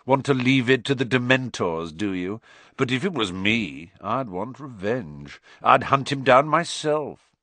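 A man reading aloud and voicing a spiteful teenage schoolboy who taunts in a quiet, sneering way. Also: mid-range voice, animated, a little slow, dry recording, pitched above the performer's own voice. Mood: sly taunting.

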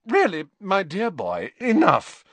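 A man's voice: high voice, huge pitch swings, takes it slowly, fairly bright tone, dry recording, voice pushed up, exaggerated voice. A man voicing a sentimental, tipsy old male potions master who talks in a flustered, tearful way. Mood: distressed. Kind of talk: audiobook character voice.

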